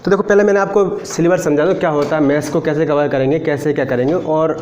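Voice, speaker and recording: High-voiced man teaching a class. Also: steady tone, fast talker, darkish tone, roomy sound, a little hiss or hum. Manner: talkative, asks students frequent check questions. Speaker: maths coaching teacher. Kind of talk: live classroom lecture.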